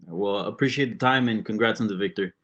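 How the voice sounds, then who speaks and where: A man working as a sports reporter, putting questions at a press conference in a halting way. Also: lowish voice, a bit bright, muffled recording.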